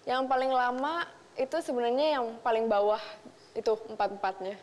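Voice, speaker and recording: A woman's voice: a little high, brisk. Chatty young woman, reverberant studio. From Indonesia. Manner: chatty, mixes in English phrases. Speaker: makeup artist and content creator. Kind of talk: casual interview answers. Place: TV talk show studio.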